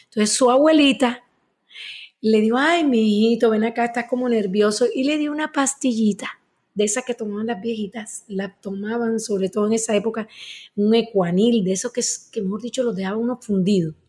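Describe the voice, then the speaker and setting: A woman's voice: on the high side, brisk. A Colombian woman in her sixties, a guest telling a wedding story in casual chat, acting out the people she quotes. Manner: animated anecdote teller, acts out quoted voices.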